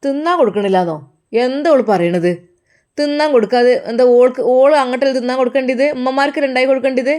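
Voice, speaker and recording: A woman's voice: sits high, quick pace, a little mellow, natural voice. A woman voicing a blunt, dismissive father speaking in a Malappuram Malayalam accent. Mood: gruff. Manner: gruff, dismissive. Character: blunt practical father, man.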